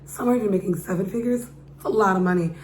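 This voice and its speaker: In an echoey room with a faint hum behind her, a woman talks casually to her viewers. Her voice is a little harsh as she pushes it louder to be heard. She is informal and slangy, often turning to rhetorical questions. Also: mid-range voice, fast talker. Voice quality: slightly harsh from raised voice. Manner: speaking loudly to be heard. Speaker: vlogger giving opinion. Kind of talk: casual opinion monologue to camera. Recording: roomy echo with background hum.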